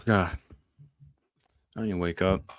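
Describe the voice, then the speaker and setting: A man's voice: low-pitched, steady tone, slow pace, no room sound. A young man hosting a podcast, chatting casually with his live viewers and answering the chat. He drifts between questions and trails off into mumbled asides. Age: young adult. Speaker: podcast host.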